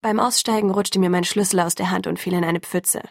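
A woman narrating a first-person story as an audiobook, with a steady storytelling delivery. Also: on the low side, brisk, vocal fry, no room sound, studio quality.

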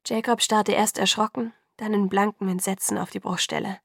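A woman reading a first-person novel as an audiobook narrator, in a measured, emotional storytelling manner. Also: medium pitch, level tone, vocal fry, slightly rough, dry recording, clean studio sound.

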